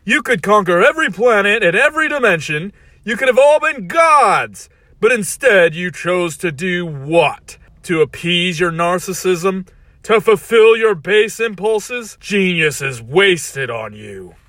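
Man playing a gloating tyrant, slow, loud, menacing, bright voice. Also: high-pitched, lively intonation, no room sound, voice pushed up, heavily acted. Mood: scornful. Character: megalomaniac middle-aged man, cold and menacing.

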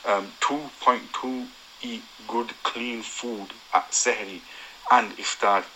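A man's voice: medium pitch, fairly even intonation, takes it slowly, pushed and bright, a little hiss or hum, poor audio. A man with a Yorkshire accent reads his prepared riding tips aloud, earnest and full of ums and small self-corrections. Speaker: guest cyclist giving advice.

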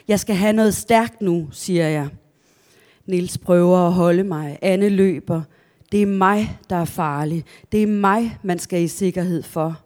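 Low, mellow-voiced woman reading her prose. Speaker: author reading her own text.

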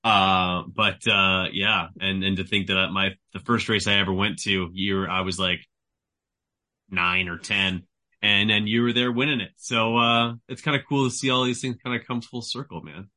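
A man's voice: lowish voice, steady tone, normal speed, sharp tone. A man in his thirties hosting a podcast interview, asking enthusiastic, hesitant questions full of "like". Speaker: podcast host. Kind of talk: casual interview.

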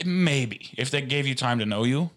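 A young man from Michigan co-hosting a casual podcast chat, joking in a deadpan way and swearing casually. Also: medium pitch. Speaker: podcast co-host.

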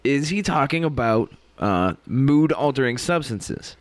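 Lively upbeat male podcast co-host. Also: mid-range voice, a little slow, dry recording. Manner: upbeat, introduces segments. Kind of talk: casual chat.

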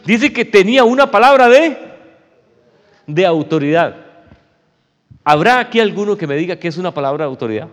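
A man's voice: high voice, expressive, moderate pace, long pauses, big-room sound. A male pastor preaching a sermon in an emphatic, conversational way, often calling his listeners "brother".

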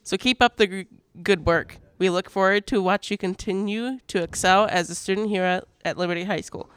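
Bright, crisp teenage boy announcer. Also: high voice, brisk. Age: teens. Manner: upbeat announcer reading news with playful asides. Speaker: student radio co-host. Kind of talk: school morning radio show. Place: school radio studio.

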